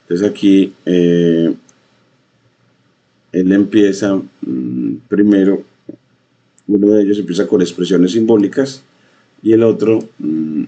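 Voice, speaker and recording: A man teaching a coding lesson, talking in a halting way with many fillers and repeated phrases. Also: deep voice, mellow. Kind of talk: screen-share coding lesson. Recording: dull lo-fi mic.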